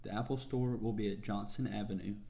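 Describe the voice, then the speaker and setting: A man playing a helpful passer-by who gives street directions, in a calm, plain scripted practice dialogue. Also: on the low side, moderate pace, vocal fry.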